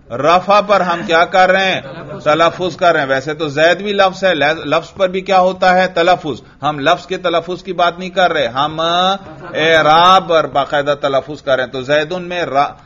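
A man from Pakistan teaching a grammar class, drilling his students with slow, patient questions and answers. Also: on the high side, steady tone, a bit bright. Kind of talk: classroom lecture with call-and-response drilling. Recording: dull lo-fi class recording.

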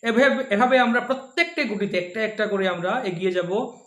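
A man giving a slow, patient devotional lesson, showing each step by hand and chanting softly between explanations. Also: high-pitched. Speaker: devotional teacher. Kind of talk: slow spoken instruction with chanting. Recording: echoey room.

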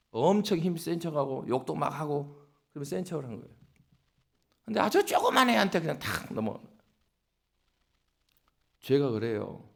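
Lively, gravelly male pastor preaching. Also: fairly high pitch. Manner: animated storytelling, exhorting. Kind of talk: sermon.

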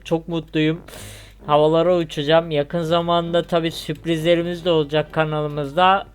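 A young Turkish man with a high, smooth voice, talking chattily through a game and cracking jokes at himself. He speaks with a Turkish accent, over faint music. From Turkey. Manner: chatty, joking, yelps when he falls. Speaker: gaming YouTuber. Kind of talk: casual gameplay commentary.

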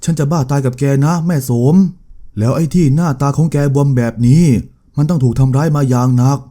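An anxious middle-aged mother who scolds in quick, sharp questions, as a male reader voices her, pitched a little above his own dark voice. She is one of the characters in a spoken storybook. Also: lightly acted. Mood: exasperated.

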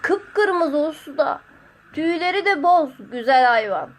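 Woman doing a high eager young fisher boy, whiny, calling out loud, audiobook. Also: lively intonation, measured pace, a little hiss or hum. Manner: pleading, calls out loudly. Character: young male fishing apprentice, eager and whiny.

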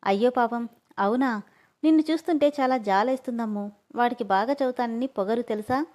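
A sly teenage schoolboy coaxes and schemes in a storybook scene, sweetly persuasive, as a woman reading the tale puts him on. His voice sits a little high. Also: a little fast, darkish tone, close to an everyday voice. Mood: coaxing. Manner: coaxing, sly.

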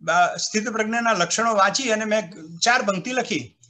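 A man, a retired civil servant, giving an animated storytelling talk on a video call, acting out quoted voices and reciting verse. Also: sits high, brisk. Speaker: retired civil servant speaking at a literary event. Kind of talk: anecdotal speech at an online literary program.

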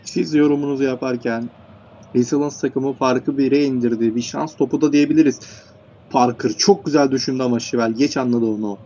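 A man's voice: medium pitch, fairly even intonation, brisk, warm tone, lo-fi sound, slight background noise. A man commentating an online football game, rattling off player names and rising sharply when goals go in. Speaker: play-by-play commentator. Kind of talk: esports match commentary.

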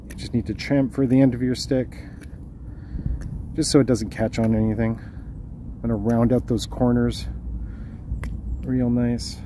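A middle-aged man hosting a bushcraft channel, giving calm, practical step-by-step instructions outdoors in a park. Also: medium pitch, a little slow, long pauses, noisy background.

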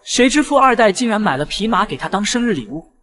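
Recap narrator: man with a high-pitched voice, brisk scripted storytelling. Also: big pitch swings, fairly bright tone.

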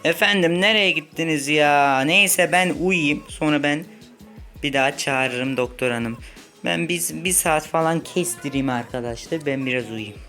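A man with a high, bright voice plays a grumbling patient in a game role-play. He complains and pleads with mock drama. Faint music plays underneath. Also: unhurried. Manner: whiny, complaining, playfully dramatic. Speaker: gaming video host.

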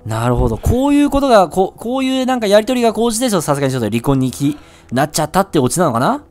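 A man commentating his own gameplay, excitable, yelping and swearing at enemies. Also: sits high, rapid-fire. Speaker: let's-play gamer. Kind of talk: live game commentary. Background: game audio and music.

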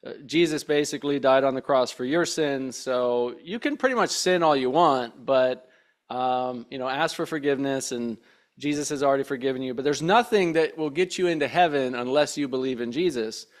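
Earnest, thoughtful podcast host. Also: male voice, medium pitch, moderate pace. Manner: earnest, thoughtful, with many hesitations. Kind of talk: reflective interview conversation. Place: home studio with shelves and plants. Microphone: podcast mic on a boom arm.

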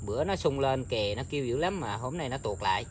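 A man talking casually to his viewers outdoors, rambling with many filler pauses. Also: medium pitch, lively intonation, a little hiss or hum. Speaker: bird-trapping vlogger. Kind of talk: casual outdoor vlog narration. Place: outdoors in countryside.

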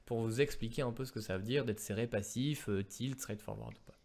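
A man coaching poker in a relaxed video lesson. He talks in an animated way and reaches for everyday comparisons to make a point. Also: medium pitch, a little fast, gravelly. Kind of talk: casual two-host poker lesson.

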